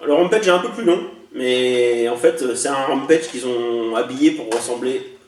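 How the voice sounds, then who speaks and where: A man casually showing off a haul of toy blasters, chatty and hesitant, often pausing and correcting himself. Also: mid-range voice, a little mellow, distant mic, a little hiss or hum. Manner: chatty, hesitant, many fillers and self-corrections. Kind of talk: casual unboxing vlog. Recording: echoey room, voice off-mic.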